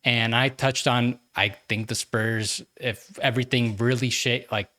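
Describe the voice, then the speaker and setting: A man co-hosting a sports podcast in casual chat, with a halting, rambling delivery. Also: mid-range voice, level tone, sharp tone.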